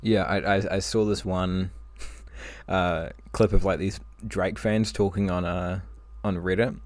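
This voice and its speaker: A man's voice: sits low, steady tone, slow pace, no room sound. A man co-hosting a podcast in casual chat, cursing freely and laughing often as he mocks. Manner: profane, giggly, mocking. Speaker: podcast co-host.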